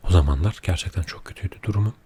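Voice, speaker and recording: A man speaking quietly at night in a soft-spoken, confiding ASMR chat, unhurried and often dropping close to a whisper. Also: low-pitched, breathy edge. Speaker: ASMR video creator. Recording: audible background noise.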